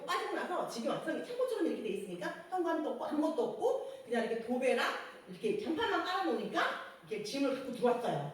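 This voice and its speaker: A woman sharing a church testimony, telling her story in a lively way, acting out quotes and laughing often. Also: fairly high pitch. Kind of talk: personal testimony. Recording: echoey room, distant mic, faint noise.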